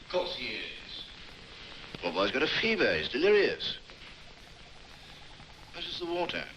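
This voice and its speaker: A scheming island master in an old film, who talks down to everyone with a calm, cold authority. His bright voice swings widely in pitch as he mocks and commands. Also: a little slow, slight background noise, low-quality recording. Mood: condescending. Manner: calm, condescending, coldly commanding. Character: smooth menacing man who runs the island.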